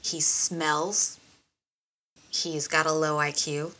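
A woman's voice: low-pitched, flat delivery, extremely slow, sharp tone. A woman co-hosting a true-crime podcast, reading from notes in a chatty way with casual asides. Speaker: podcast co-host.

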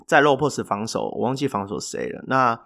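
A man, co-hosting a podcast and telling a story in a chatty, animated way with filler pauses. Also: medium pitch, creaky. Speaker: podcast co-host. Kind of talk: casual storytelling chat.

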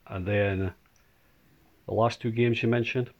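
A man, the host's father, chatting casually about sports in a halting way and repeating words while he thinks. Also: fairly low pitch, fairly even intonation, lo-fi sound.

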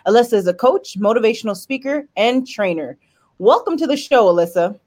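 A woman's voice: a little high, animated, fairly quick, darkish tone. A woman hosting an interview, reading a formal introduction and asking questions in polished phrasing. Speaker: interview host.

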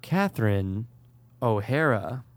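A young man with a very lively pitch range banters as a podcast co-host. He is excitable and slangy, swears freely, and sounds dry and close. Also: slow, no echo. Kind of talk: casual banter between friends.

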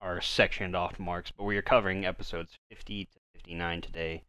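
A man's voice: sits low, little pitch movement, a little fast, sharp tone, clear, resonant tone. A man co-hosting a casual podcast chat, laid-back and laughing often. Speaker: podcast co-host.

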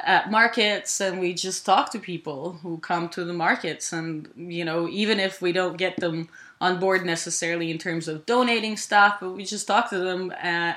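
A woman from Ukraine speaks in a lowish voice with a bright, forceful edge. She answers an interviewer's questions about her volunteer work. She thinks aloud, pausing on "uh" and correcting herself mid-sentence. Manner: thoughtful, with frequent "uh" and self-corrections. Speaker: volunteer with a food sharing group.

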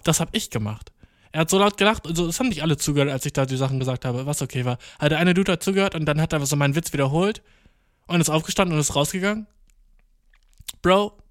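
A young man doing a rambling comedic monologue, full of swearing and English slang, jumping from mumbled asides to excited outbursts. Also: on the high side, no room sound, studio quality. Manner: slangy, profane, mixing English words into German; jumps from deadpan mutters to excited outbursts.

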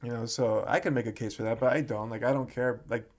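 A man with a mid-range voice chats casually about martial arts. He hedges often and reaches for words as he thinks aloud. His tone stays relaxed and conversational. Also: medium pitch, fast. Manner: thoughtful, hedging, lots of fillers.

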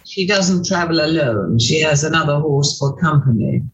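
A woman's voice: low voice, expressive, moderate pace, muffled recording. A woman speaking as an interview guest in a formal, courteous way. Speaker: interview guest, racehorse owner. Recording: clicks and background noise.

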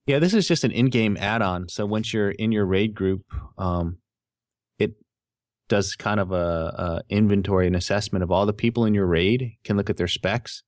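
A man's voice: lowish voice, normal speed, no echo, clean studio sound. A man hosting a casual gaming podcast, reading out listener questions and explaining them patiently. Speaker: podcast host.

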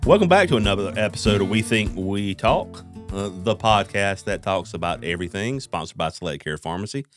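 Low-voiced man hosting a podcast. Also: lively intonation, a little fast, a bit bright, soft background music. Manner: conversational, lots of fillers and restarts. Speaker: podcast host. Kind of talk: casual interview chat.

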